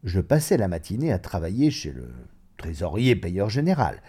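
A man narrating a classic short story in an expressive, measured reading. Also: deep voice, husky.

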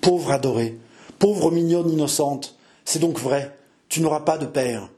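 A man voicing a grieving young mother who speaks with soft, sobbing tenderness to her newborn in a storybook reading. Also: fairly high pitch, measured pace, lightly acted. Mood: tearful tender.

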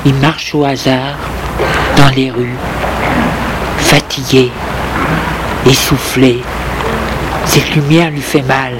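A man narrating a dark story slowly, in short, halting phrases. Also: medium pitch, little pitch movement, heavy background noise. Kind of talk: slow dramatic storytelling. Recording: echoey room with music behind.

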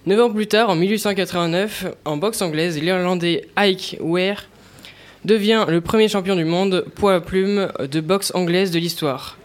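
High-voiced guy reading almanac facts, steady, stumbles on names. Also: unhurried. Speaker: segment presenter.

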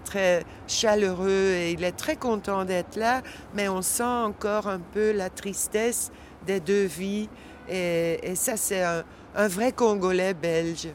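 A man with a high voice talks slowly and conversationally outdoors at a city station, pausing to find his words. Faint traffic noise sits behind him. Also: steady tone. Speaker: commentator.

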